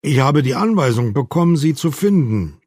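A man's voice: medium pitch, sing-song, normal speed, darkish tone, dry recording, studio quality. A man voicing a male police officer who hesitantly and formally delivers grim news, read in an audiobook. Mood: somber.

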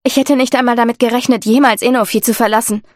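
A woman's voice: on the high side, fairly even intonation, quick pace, dry recording, clean studio sound, pitched above the performer's own voice, lightly acted. A woman voicing an eager, adventurous young noblewoman who speaks earnestly.

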